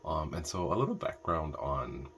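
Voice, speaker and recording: A man's voice: a bass voice, big pitch swings, normal speed, fairly bright tone, slight background noise. A man from Ethiopia giving a reflective meditation talk, thoughtful and hesitant, with many fillers and restarts. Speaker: meditation teacher.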